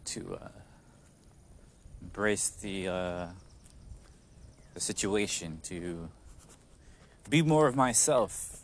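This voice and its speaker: A man hosting a casual, reflective solo podcast in a halting, hesitant way, pronouncing his r's like w's. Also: low voice, animated. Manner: says w for r, soft r sounds; hesitant, halting, with frequent chuckles. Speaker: podcast host. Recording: noticeable background noise.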